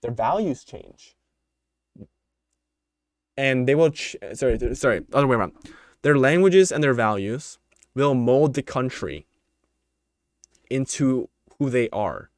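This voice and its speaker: A young podcast host from the US delivers solo, off-the-cuff opinions in a rambling way, with plenty of fillers and restarts. His medium-pitched voice is animated but a little slow, pausing often and growing tired. The sound is studio quality, free of room sound.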